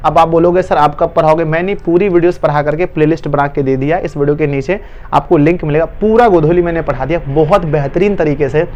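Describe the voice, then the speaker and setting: A man's voice: on the high side, fast talker, a little mellow, lo-fi sound. A male online tutor with a Bihari Hindi accent, giving an urgent, coaxing exam-prep lesson to students.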